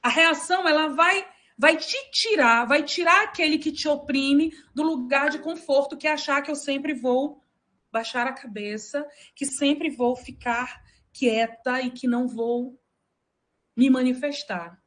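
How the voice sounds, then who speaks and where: A woman's voice: high voice, a bit bright. A woman, speaking with passion and emphasis as a panelist in a live discussion. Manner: impassioned, emphatic.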